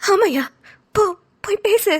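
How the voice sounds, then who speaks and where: A woman's voice: very high-pitched, lively intonation, slow, exaggerated voice. A woman voicing a worried, coaxing middle-aged mother-in-law in a cartoon, speaking colloquial Tamil Nadu Tamil. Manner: coaxing, motherly, calls son affectionately.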